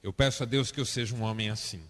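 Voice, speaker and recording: Dramatic pastor preaching in a hall. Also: male voice, quick pace. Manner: dramatic, acts out quoted voices with big swings of pitch and loudness. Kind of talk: sermon.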